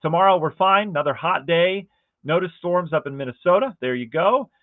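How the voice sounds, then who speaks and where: A man giving a casual, conversational weather forecast, excited about the pattern and often asking viewers rhetorical questions. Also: fairly high pitch, fairly quick, dry recording. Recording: dry, phone-like narrow band.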